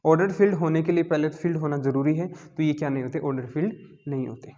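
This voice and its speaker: A man's voice: a little high, fast, warm tone. A male math teacher, giving a classroom lecture and constantly asking and answering his own questions. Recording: long hall reverb.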